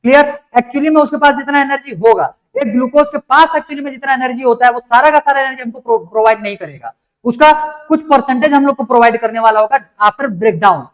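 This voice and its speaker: A man, teaching a class. He works through each step slowly and often stops to ask whether the students follow. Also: extremely high pitch, a bit bright. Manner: explains step by step, keeps asking if it is clear. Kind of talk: classroom lecture.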